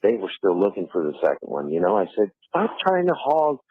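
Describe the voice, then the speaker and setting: A middle-aged man talking to his son on a prison phone call, halting and full of "you know". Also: low voice, wildly swooping pitch, slightly rough. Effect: prison phone call line. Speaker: father on a jail call. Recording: tinny phone line, dry.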